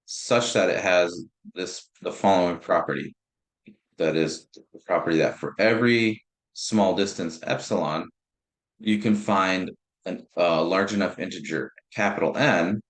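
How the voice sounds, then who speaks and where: Deep-voiced man giving a casual math lecture. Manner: informal, restarts words, thinks aloud with fillers. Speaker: math instructor. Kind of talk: recorded lecture. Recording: roomy echo.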